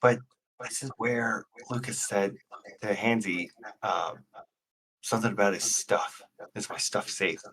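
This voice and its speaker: A man's voice: lowish voice, unhurried, pauses often, fairly bright tone, a little hiss or hum. A man playing a tabletop game, reacting and hesitating casually. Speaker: player.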